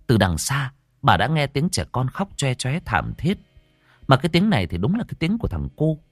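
Expressive low-voiced male storyteller. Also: husky, no echo. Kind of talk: emotional story narration.

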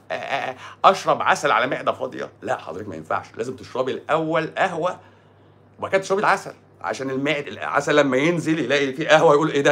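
A man's voice: medium pitch, fairly bright tone. A man with an Egyptian accent, a doctor answering viewer comments on a live stream in a sarcastic, mocking way. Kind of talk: casual live-stream talk.

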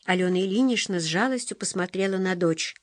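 A woman's voice: medium pitch, dry recording. Woman narrating an audiobook, dry close voice. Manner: measured, expressive storytelling. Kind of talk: scripted narration.

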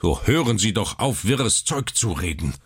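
A man voicing a sharp, grumbling family doctor in a read story. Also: sits low, animated, measured pace, no echo, studio quality, voice pushed up. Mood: irritated. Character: gruff, irritable family doctor, older man.

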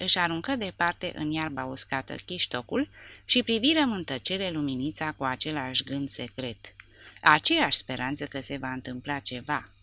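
A woman narrating an audiobook in a steady storytelling voice, raising it for shouted lines. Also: low-pitched, dry recording. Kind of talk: scripted narration.

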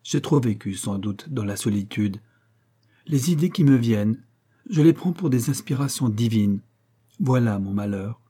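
A man reading aloud who voices an earnest, pious sixteen-year-old Venetian girl, pleading softly and at times in a hushed voice. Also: mid-range voice, expressive, normal speed, slightly rough. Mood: remorseful. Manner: pleading, soft and dreamy, sometimes whispered.

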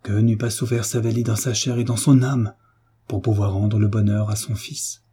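A man narrating a classic novel in a measured, solemn audiobook reading. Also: lowish voice, level tone, warm tone, husky. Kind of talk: scripted literary narration.

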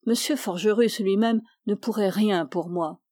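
A woman's voice: medium pitch, unhurried, darkish tone, no room sound, studio quality, close to an everyday voice. A woman voicing a despairing young man torn by love in a novel reading.

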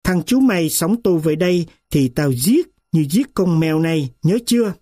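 A cruel, bullying man snarls a threat at a frightened child, as a male narrator voices him. The voice is mellow and the recording dry and close. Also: fairly high pitch, lively intonation, normal speed, no room sound. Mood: menacing.

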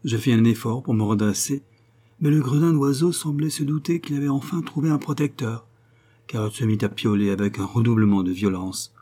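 A man reading a novel aloud in steady, measured narration. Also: mid-range voice. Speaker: audiobook reader. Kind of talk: scripted narration.

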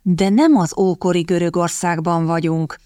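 A woman voicing a determined young woman, a sharp-tongued older sister who speaks briskly and pointedly, in an audiobook. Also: medium pitch, expressive, dry recording, studio quality, natural voice. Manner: brisk, pointed, at times hissing. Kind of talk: audiobook character voice.

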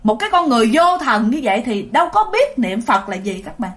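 A woman with a Southern Vietnamese accent tells a ghost story casually and with animation, addressing her listeners directly. Her voice is fairly high and her pace brisk.

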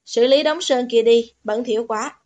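A woman voicing a cold, menacing young male executive who speaks in low, clipped words in an audiobook. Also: a little mellow, highs cut off, natural voice. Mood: cold menace. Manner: low, slow, clipped threats.

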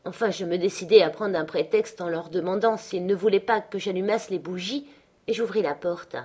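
A woman narrating a classic novel as an audiobook in a measured storytelling manner. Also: on the low side, dark tone, breathy edge.

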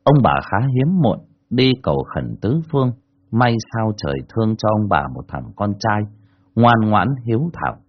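A man narrating a dramatic folk tale in a husky, low voice. His delivery is expressive and lively, with wide swings in pitch. The recording is dull and lo-fi. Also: normal speed. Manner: expressive, colloquial. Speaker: storyteller.

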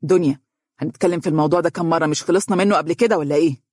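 Narrator doing a gentle, firm young husband. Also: medium pitch, slightly rough, no echo, clean studio sound, close to an everyday voice. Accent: Egyptian Arabic. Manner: gentle yet firm, quick. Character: calm, patient young husband.

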